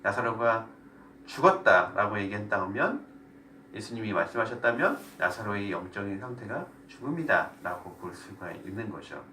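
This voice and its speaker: Speaking from a distance in an echoey church room with faint noise, a pastor leads a Bible study. His voice sits fairly low, with lively intonation and a sharp tone, at a normal pace. He questions the group and explains the material.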